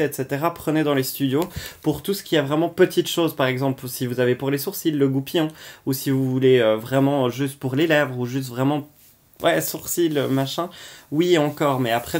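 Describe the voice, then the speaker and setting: A man's voice: mid-range voice, a little mellow. Chatty, blunt man reviewing makeup. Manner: chatty and blunt, many hesitations. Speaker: beauty vlogger. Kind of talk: casual product review.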